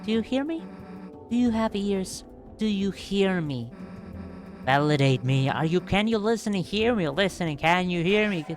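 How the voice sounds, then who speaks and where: A performer plays an earnest, fiercely possessive protector from a comedic story game. The delivery is indignant and pleading with oddly garbled phrases, at a middling pitch over music. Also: unhurried, long pauses, natural voice. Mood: desperate.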